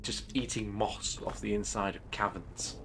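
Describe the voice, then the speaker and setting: A man's voice: on the low side, steady tone, a little slow, gravelly, fairly bright tone, slight background noise. A man casually commenting while playing a game, chatty and swearing as he thinks aloud. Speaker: streamer.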